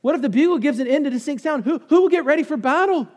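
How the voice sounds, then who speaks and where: A man's voice: very high voice, expressive, fast talker. Passionate man preaching in a reverberant hall. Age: 30s. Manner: passionate, call-and-response questions to the congregation. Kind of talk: sermon.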